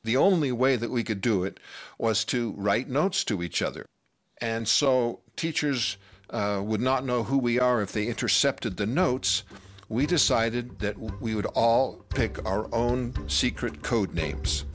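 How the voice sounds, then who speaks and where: An older man tells an audience a personal story with lots of energy, acting out the quotes and laughing along the way while music plays beneath him. His voice is mid-range and a little slow.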